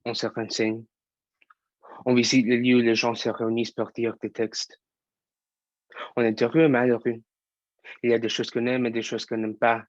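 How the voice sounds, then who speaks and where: A man's voice: medium pitch, monotone, normal speed, long pauses, no room sound, lo-fi sound, lightly acted. A young man, a student actor, performing an impassioned theatre monologue as an angry young actor who fights prejudice. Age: young adult.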